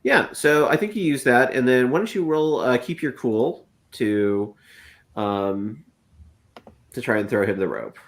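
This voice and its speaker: A man's voice: mid-range voice, unhurried. A man running a tabletop role-playing game as game master, narrating with many fillers and restarts.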